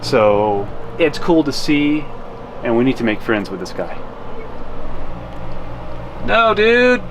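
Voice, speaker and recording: Male travel vlogger, mid-pitched, informal and chatty, faint location noise. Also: expressive, unhurried. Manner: informal, unscripted, rambling. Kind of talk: casual, chatty vlog talk.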